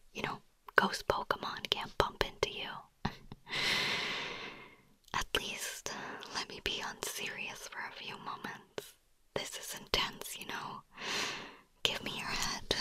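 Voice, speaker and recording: A woman whispering as a nervous broke young woman. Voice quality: breathy whisper. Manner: soft, confiding, pleading. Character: anxious broke young woman, pleading, self-deprecating. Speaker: ASMR roleplay performer. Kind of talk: whispered ASMR roleplay.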